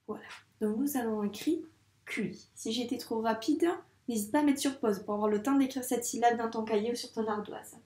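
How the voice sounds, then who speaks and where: With a warm tone and a voice on the high side, a young woman teaches handwriting to small children at a fairly quick pace and with fairly even intonation. As a primary school teacher, she patiently asks questions and answers her own prompts. The recording is reverberant.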